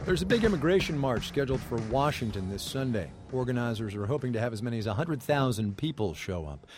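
A man's voice: medium pitch, animated, fast talker, over music. A man hosting a radio program, reading a scripted introduction to a story.

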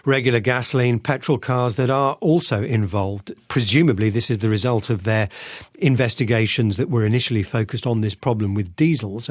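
A man giving live news analysis as a correspondent, explaining in a hesitant, measured way. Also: mid-range voice, dry recording, studio quality.

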